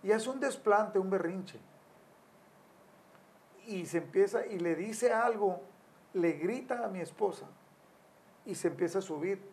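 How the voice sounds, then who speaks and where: Gravelly older man telling family stories. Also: high-pitched, measured pace, pauses often, darkish tone. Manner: storytelling, acts out quotes with raised voice. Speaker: family counselor guest.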